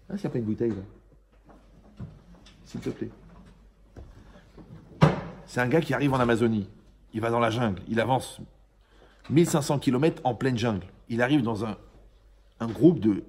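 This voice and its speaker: A man's voice: mid-range voice, gravelly, darkish tone, slight background noise. A man, a rabbi, giving an informal Torah lesson to a live audience, joking and quizzing his listeners as he goes. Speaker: rabbi teaching a class.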